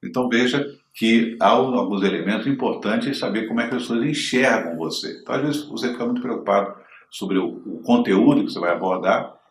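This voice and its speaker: A man's voice: fairly low pitch, a little fast, roomy sound, slight background noise. A man teaching communication to the camera, often checking in with his listeners through short questions. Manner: didactic, asks listeners frequent check-in questions. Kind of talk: direct-to-camera lesson.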